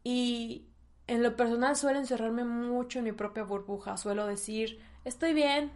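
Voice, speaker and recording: Young mexican woman talking on her podcast, kinda teary and emotional, slangy, higher voice. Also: steady tone, moderate pace, darkish tone. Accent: Mexican Spanish. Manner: emotional, tearful at times, candid and slangy. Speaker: podcast host. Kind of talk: personal podcast monologue.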